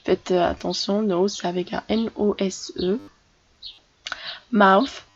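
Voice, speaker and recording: A woman teaching English words in a relaxed, casual lesson, often stopping and starting over with small fillers. Her voice has a gravelly fry, and the recording sounds a little dull with faint noise in the background. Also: mid-range voice, moderate pace. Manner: hesitant, many fillers and restarts. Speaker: English teacher for French speakers.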